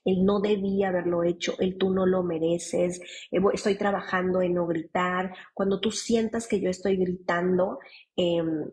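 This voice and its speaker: A woman's voice: on the low side, steady tone, moderate pace. A woman in her thirties, a psychologist and mother, answering parents' questions in a conversational way, often restarting her sentences. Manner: conversational, warm advice with frequent restarts. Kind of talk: live Q&A with parents.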